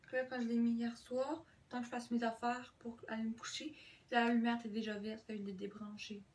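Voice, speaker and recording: A woman's voice: a little high, level tone, fairly quick, darkish tone. Chatty Québécois woman demoing a gadget. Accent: Québécois French. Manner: chatty, lots of hesitations, drops English words. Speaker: beauty vlogger. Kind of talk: casual product demo vlog. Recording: distant mic, faint room noise.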